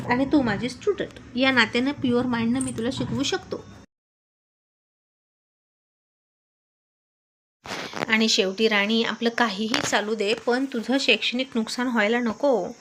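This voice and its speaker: Cocky teasing professor husband, high-set voice, read by a woman narrator, faint hiss behind. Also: fairly even intonation, normal speed, lightly acted, rough recording. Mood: coaxing. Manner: teasing, mocking.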